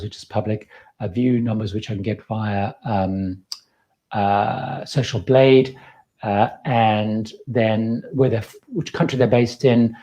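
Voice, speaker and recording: A man's voice: on the low side, dark tone. A man in his fifties from Zimbabwe with a slight Zimbabwean accent, hosting a live-stream Q&A in a chatty, rambling way and giving advice. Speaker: host.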